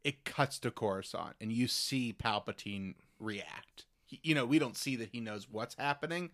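A man's voice: mid-range voice, moderate pace, a bit bright. A man in casual podcast chat, recapping events plainly and adding frequent short agreements.

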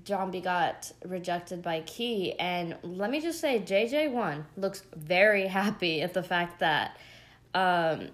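A young woman chatting casually as she recaps a show, rambling with lots of fillers and gushing asides. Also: lowish voice. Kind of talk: casual chat.

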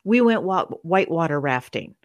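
A woman's voice: low voice, lively intonation, moderate pace. A middle-aged woman, a guest author, telling stories about her mother in a podcast interview.

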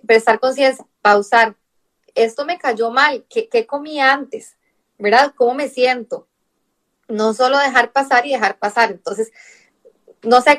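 Her voice sits a little high with a fairly bright tone. This young adult nutritionist from Costa Rica, speaking Costa Rican Spanish, explains patiently as an interview guest, filling pauses with a questioning "¿verdad?" at the ends of sentences.

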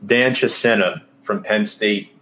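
A man with a fairly low voice hosts a casual sports show. He talks loosely, with plenty of ums and restarts, and a faint hiss sits under the recording. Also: unhurried, bright, forceful tone. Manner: hesitant, filler-heavy, loose. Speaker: podcast host.

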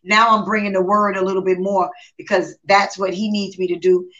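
Bright lively woman with lo-fi sound. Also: medium pitch, fairly quick. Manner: lively storyteller who acts out quotes and laughs often. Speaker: singer guest. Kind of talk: casual interview chat. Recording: dull lo-fi live stream audio.

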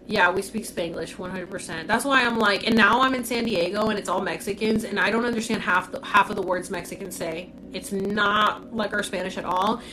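A young woman, Puerto Rican and raised in Florida, hosts a casual livestream and answers viewer comments into her phone. Her mid-range voice moves a little fast with hardly any pauses over a noisy background. She's blunt and candid, swears freely, and says "like" constantly.

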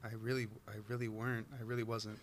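A man's voice: medium pitch, level tone, quick pace, slight background noise. A man acting in comedy outtakes, improvising casual banter. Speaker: actor in a comedy show, in outtakes.

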